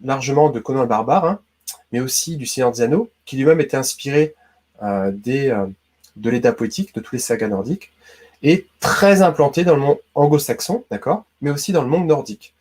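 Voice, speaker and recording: A YouTube host from Brittany, France, runs a casual quiz video in a medium-pitched, darkish voice at a brisk clip. He's chatty and speaks straight to the viewer, peppering his talk with "hein" and "d'accord".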